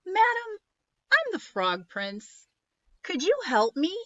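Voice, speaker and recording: A woman's voice: very high-pitched, wildly swooping pitch, takes it slowly, no room sound, muffled recording, pitched above the performer's own voice, exaggerated voice. A woman voicing an eager young frog prince who pleads insistently and gets flustered. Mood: pleading.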